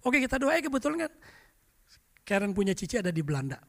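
A middle-aged male pastor preaching, telling lively anecdotes and often turning to address the congregation. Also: high voice, quick pace, gravelly, long reverb tail. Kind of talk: storytelling sermon.

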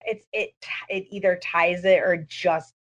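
A woman with a fairly low voice chats on a podcast, telling her reactions with animation and quoting her own thoughts aloud. The recording sounds somewhat muffled. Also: steady tone, a little slow. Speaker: podcast panelist. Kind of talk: casual podcast chat. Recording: dull lo-fi mic.

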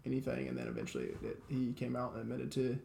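A man's voice: medium pitch, sing-song, fast talker, creaky, warm tone, reverberant. A man co-hosting a podcast in casual chat, rambling with many restarts and fillers. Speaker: podcast co-host.

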